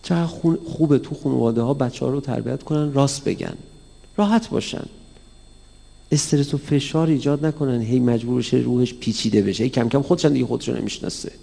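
Male cleric lecturing a live audience, gravelly, animated, long hall reverb. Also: medium pitch. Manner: animated, acts out dialogues with raised voice. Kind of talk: religious lecture on mysticism.

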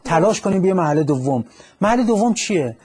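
A male psychologist on a radio call-in show, speaking in a calm, instructive way and now and then quoting verse. His voice is slightly higher than most men's and has a husky grain.

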